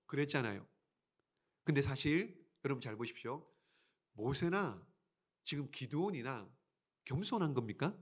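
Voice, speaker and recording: A man's voice: medium pitch, expressive, moderate pace, pauses often, husky. A man preaching a sermon as pastor, reading scripture aloud and pressing the congregation with rhetorical questions. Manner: emphatic, frequent rhetorical questions.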